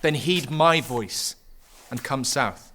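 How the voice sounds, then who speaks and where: A sharp, imperious, petulant king. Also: mid-range voice, slow pace, slight background noise. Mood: cold, commanding. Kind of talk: audio drama acting.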